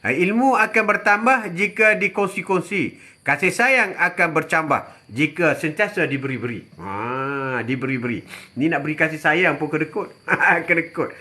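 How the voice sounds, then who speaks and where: An older man from Malaysia giving religious advice on a live stream, answering viewers in a chatty way, repeating phrases and often dropping a quick "ha". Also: on the high side, expressive, sharp tone. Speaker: religious teacher.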